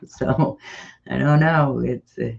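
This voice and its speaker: An American host from Ohio with a gravelly smoker's rasp, giving casual, rambling, upbeat community announcements. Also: medium pitch, fairly even intonation, takes it slowly. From Ohio, United States. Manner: rambling, informal, upbeat encouragement. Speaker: host of a local community events show. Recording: dull, muffled lo-fi sound.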